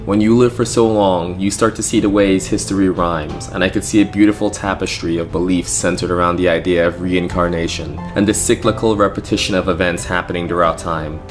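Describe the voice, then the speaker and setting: A young adult man giving a scripted narration, measured and reflective. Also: low-pitched, steady tone, soft background music. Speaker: narrator and channel host.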